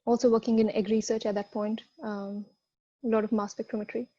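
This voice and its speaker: A woman scientist from India speaking on an online panel over a video call, halting with many "uh" fillers. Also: on the high side, level tone, mellow, dry recording, highs cut off.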